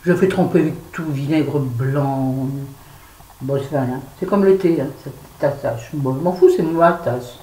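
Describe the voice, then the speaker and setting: A woman's voice: a bass voice, a little slow, dark tone. Frank, chatty woman in her fifties. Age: 50s. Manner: frank, chatty, self-mocking, rambling. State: stressed and irritable. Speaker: vlogger. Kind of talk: casual unboxing chat to camera. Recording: echoey room with faint ambience.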